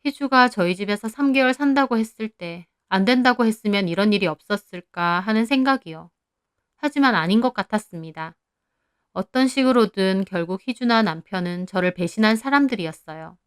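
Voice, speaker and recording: A woman calmly narrating a dramatic first-person story about her marriage. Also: medium pitch, fairly quick, clear, resonant tone, no echo, clean studio sound.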